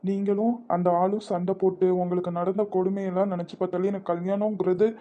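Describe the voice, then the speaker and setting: A woman voicing a caring, earnest young man in love in a cartoon, speaking gently with a Kanyakumari Tamil accent. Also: mid-range voice, level tone, fast talker, lo-fi sound, lightly acted. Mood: pleading. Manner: gentle, reassuring, soft-spoken. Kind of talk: cartoon voice acting.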